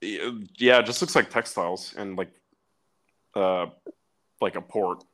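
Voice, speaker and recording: A young man with a somewhat low voice reads figures aloud in a loose, halting way. He swears casually and stops to look things up as he goes. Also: fairly bright tone. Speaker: podcast co-host. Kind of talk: casual chat.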